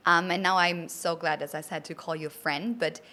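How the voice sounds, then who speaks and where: A podcast host chats with casual enthusiasm, effusive and full of compliments, in an interview setting. Her voice is fairly low with a steady tone, and her brisk delivery sounds pushed and bright.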